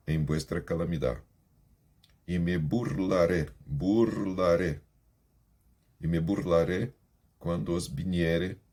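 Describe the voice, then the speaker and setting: A deep-voiced man with a husky edge reads scripture aloud as a language teacher. He works through it slowly, stopping to repeat words and lean hard on each sound. His first language is Portuguese. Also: a little mellow. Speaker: Spanish teacher. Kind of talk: reading scripture aloud and explaining pronunciation.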